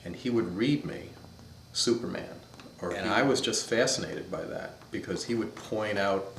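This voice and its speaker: A man's voice: lowish voice, normal speed, fairly bright tone, a little hiss or hum. A man in his fifties from upstate New York, thoughtfully telling stories of his childhood in an interview. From upstate New York, USA. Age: 50s. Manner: thoughtful, storytelling, searches for words. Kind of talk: reminiscing interview. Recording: echoey room.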